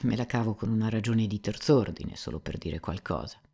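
A woman reading an audiobook voices a sly, servile male servant who talks in a smooth, unhurried, faintly ingratiating way. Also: a bass voice, lively intonation, mellow, full character voice. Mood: insinuating.

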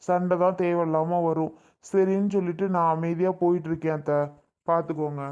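A man's voice: on the high side, level tone, a little fast, a little mellow, clear, resonant tone, dull audio, lightly acted. A man playing a young husband who firmly stands up for his pregnant wife against her mother in a drama skit. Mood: reproachful. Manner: firm, reproachful.

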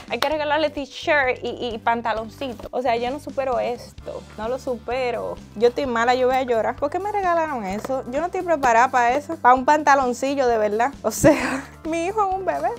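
A woman with a fairly high voice chats casually to her viewers, gushing and squealing over little things and mixing English words into her talk. Soft music plays faintly behind her. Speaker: mother unboxing birthday gifts. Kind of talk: casual vlog chat.

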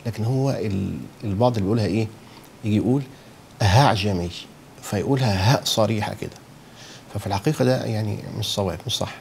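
A man teaches a lesson on pronouncing letters, speaking with an Egyptian Arabic accent. His voice sits low and has a gravelly edge. He keeps checking that his listeners follow and says the sounds aloud to show them, over a faint background hiss. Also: racing, a little mellow. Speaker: Quran recitation teacher. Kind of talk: explaining a lesson.

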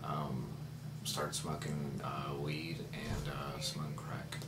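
Very deep-voiced man in his thirties. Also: monotone, very noisy. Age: 30s. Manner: halting, with many fillers. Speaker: recovery center resident. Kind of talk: documentary interview. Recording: echoey room with loud music.

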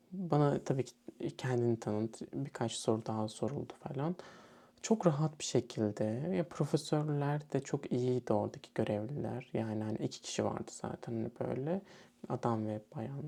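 A man's voice: medium pitch, gravelly, mellow. A young man from Turkey telling a story casually and animatedly, acting out what other people said. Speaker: student vlogger.

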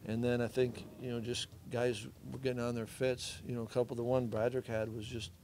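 A man's voice: medium pitch, level tone, a little fast, darkish tone, slight background noise. A middle-aged man, a head football coach, giving plainspoken, understated answers at a postgame press conference.

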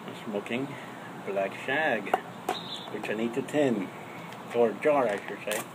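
A man's voice: medium pitch, measured pace, noisy background. A man hosting a casual pipe-smoking chat from his balcony, talking with a pipe clenched in his mouth, rambling with lots of fillers. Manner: rambling, chatty, frequent fillers. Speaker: host. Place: outdoors on a home balcony.

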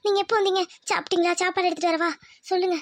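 A woman voicing a high, quick, insistent young village wife. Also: level tone, dry recording. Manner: pleading and insistent, keeps pushing her husband away. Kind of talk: cartoon voice acting.

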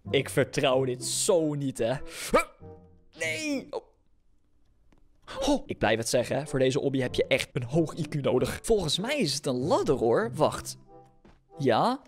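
A young man with a Dutch accent giving casual commentary on his own gameplay, chatty and reacting out loud with yelps and repeated words. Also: medium pitch, big pitch swings, a little slow. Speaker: gaming YouTuber. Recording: music clearly under the voice.

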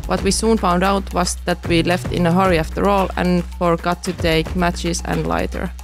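A woman's voice: lowish voice, little pitch movement, normal speed, vocal fry. A woman in her thirties narrating a travel vlog about a camping and hiking trip, in a playful, joking manner. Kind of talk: travel vlog voice-over and on-camera chat. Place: outdoors in a forest. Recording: music playing under the voice. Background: background music.

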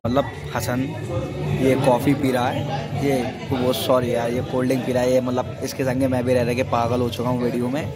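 A man's voice: medium pitch, completely flat delivery, brisk, over a noisy crowd. A young man in casual, joking chat, teasing his cousin to a phone camera held at arm's length. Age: young adult. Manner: teasing, jokey. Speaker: vlogger's cousin.

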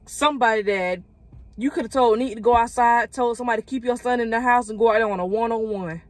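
A woman's voice: a little high, fast, no room sound. A woman co-hosting a reaction video, giving blunt, opinionated casual commentary.

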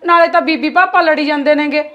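A woman's voice: high-pitched, steady tone, fast talker, muffled recording, close to an everyday voice. An actress playing a concerned village woman who questions a crying man, with a Malwai Punjabi accent. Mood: probing. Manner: probing, repeated questions. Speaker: female relative. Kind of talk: web series acting.

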